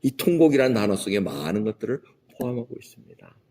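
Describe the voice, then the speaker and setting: Husky-voiced male pastor preaching. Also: fairly low pitch, sing-song, fast talker, darkish tone. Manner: conversational preaching, acting out quoted dialogue. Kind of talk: sermon. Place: church sanctuary. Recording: long hall reverb.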